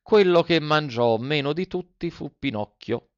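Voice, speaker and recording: A man reading a storybook aloud with expressive, theatrical narration. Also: fairly high pitch, a little slow, dry recording, lo-fi sound. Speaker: audiobook narrator.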